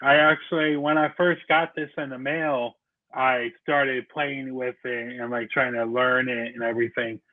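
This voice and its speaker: A man's voice: medium pitch, level tone, a little slow, no echo. A man hosting a casual chat, rambling and restarting as he explains things. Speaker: podcast host. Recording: tinny phone-line sound, dry.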